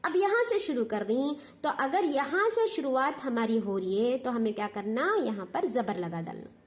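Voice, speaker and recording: A woman with a high voice and a Hyderabadi Urdu accent teaches Quran recitation. She explains step by step, patient and repetitive, and keeps checking that her students follow. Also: lively intonation, moderate pace. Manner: patient, repetitive, asks "understood?".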